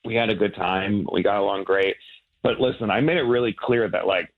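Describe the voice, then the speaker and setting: A man's voice: on the low side, fairly quick. A man on a phone line, talking casually on a radio show, laid-back and rambling, laughing as he explains. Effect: heard over a phone line. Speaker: caller on a radio dating segment. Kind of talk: casual chat.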